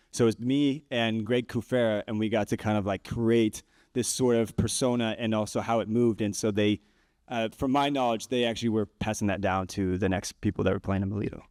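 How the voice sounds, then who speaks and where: A man's voice: lowish voice, no room sound, studio quality. A man on a convention panel telling stories from set, casually, acting out his own reactions. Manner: animated, acts out his own reactions in quotes. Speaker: panelist, costumed performer.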